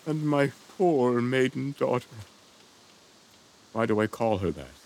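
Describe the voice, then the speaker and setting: A man's voice: mid-range voice, animated, slow, darkish tone. An actor playing an anguished king torn over his daughter, in a declamatory, grief-stricken stage delivery for an audio drama. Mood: brooding.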